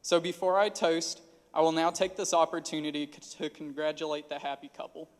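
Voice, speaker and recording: A man's voice: fairly high pitch, steady tone, brisk, in a large hall. A man in his twenties giving a formal, prepared wedding toast speech as best man. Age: 20s. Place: wedding reception hall.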